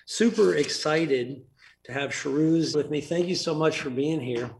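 A man's voice: fairly high pitch, a little slow, gravelly, darkish tone. A man hosting a casual interview, friendly and rambling, with lots of fillers and restarts. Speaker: podcast host and business coach.

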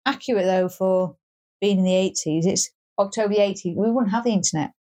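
A woman's voice: mid-range voice, brisk, dark tone. A woman co-hosting a podcast in a casual chat, playful and self-mocking. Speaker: podcast co-host.

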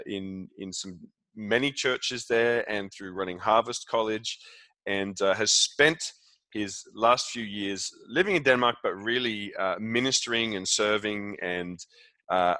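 Man, podcast host, bright forceful voice, dry close sound, friendly halting chat. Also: fairly low pitch, no room sound. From Australia. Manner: friendly, halting with fillers and restarts.

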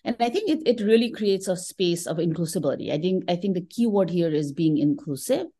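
Warm and husky, her lowish voice is lively and runs a little fast. She is a tech professional from Nepal, middle-aged, reflecting as a podcast guest in an interview-style conversation and frequently adding brief tag questions.

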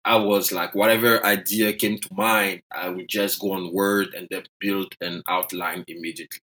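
Speaking at normal speed in a deep, level, bright, and forceful voice, a man in his thirties from Côte d'Ivoire joins a podcast interview as a guest economist. A native French speaker, he tells his own story reflectively and pokes fun at himself.

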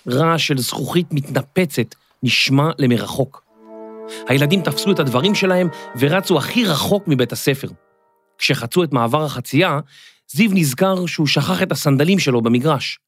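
A man narrating a scripted children's story in a clear, expressive storytelling manner. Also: medium pitch, no room sound. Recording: dry studio, faint music.

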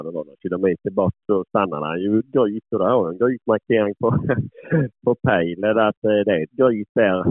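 Low-voiced man with a phone-like sound. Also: no echo. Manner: rambling, swears often, chuckles while telling. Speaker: dog owner and hunter. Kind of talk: casual storytelling. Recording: phone-like lo-fi, dry.

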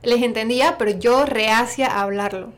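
A woman's voice: on the high side, moderate pace, slight background noise. A young woman from Bolivia with a Santa Cruz accent that has some Argentine in it, chatting casually and laughing often. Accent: Bolivian, from Santa Cruz, with some Argentine (voseo). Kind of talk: casual chat.

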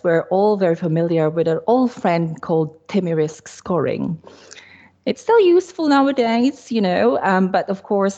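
A Filipino woman with a low, deep-set voice walks listeners through her material as a cardiology nurse, pausing often with little ums. The sound is dull and lo-fi, as if the recording lost its top end. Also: darkish tone. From Philippines. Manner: explanatory, hesitant with frequent ums. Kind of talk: podcast discussion presentation. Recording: dull lo-fi audio.

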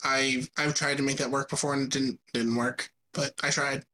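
A podcast co-host chatting casually at a middle pitch. The delivery is playful and stop-start, with frequent false starts. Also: flat delivery, moderate pace, bright, forceful tone, a little hiss or hum. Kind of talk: casual chat.

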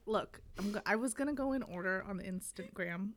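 A woman with a mid-pitched voice chats casually on a book podcast. She talks in a loose, easygoing way with plenty of filler words. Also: fairly quick. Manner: relaxed, conversational, many fillers. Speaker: podcast co-host.

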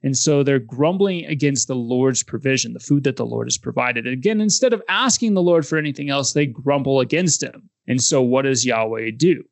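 A man's voice: medium pitch, a little fast, creaky, hardly any pauses, no echo. A man co-hosting a casual Bible discussion podcast, animatedly retelling passages and acting out quoted lines. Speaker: podcast co-host.

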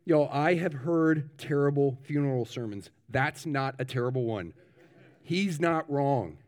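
A man's voice: mid-range voice, lively intonation, measured pace, darkish tone. A male pastor preaching a conversational sermon with informal asides, often restarting and repeating words.

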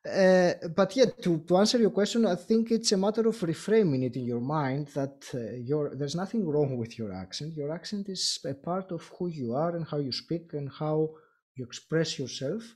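A man from Greece, Greek his first language, speaking English with a Greek accent as a podcast interview guest, thoughtful with frequent pauses. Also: on the high side, a little mellow. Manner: thoughtful, many filler pauses, laughs lightly. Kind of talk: casual interview.

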